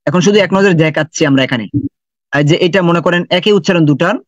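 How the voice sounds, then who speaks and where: A man's voice: a little high, brisk, no room sound, muffled recording. A man teaching an online lesson in Quran recitation, patiently explaining and repeating sounds and examples.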